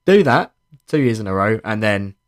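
A man co-hosting a sports podcast in relaxed, informal conversation. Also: on the low side, moderate pace. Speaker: podcast co-host. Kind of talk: casual sports podcast chat.

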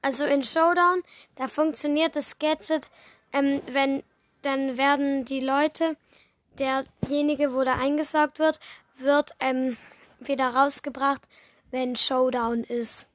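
A woman's voice: high-pitched, fairly even intonation, slow, no room sound. A woman co-hosting a casual video, rambling through an explanation with many fillers. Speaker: co-host. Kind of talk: casual chat.

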